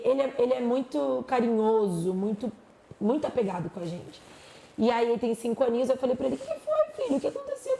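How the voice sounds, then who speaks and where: A woman, a pastor chatting on a podcast, animated and acting out the voices she quotes. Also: on the high side, creaky. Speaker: pastor and psychologist guest. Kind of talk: casual podcast chat. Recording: echoey room with faint noise.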